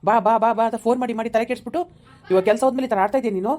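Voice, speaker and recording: A jilted young man, broke and bitter, who accuses his lover in a rapid, mellow voice, played by a woman. His indignant lines come out very fast. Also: a little high, lightly acted. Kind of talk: village skit acting.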